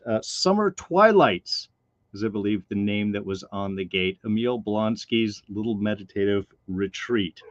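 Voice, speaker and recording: A man's voice: lowish voice, dry recording, highs cut off. A man hosting a casual review podcast, rambling and hedging with lots of fillers. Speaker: podcast host.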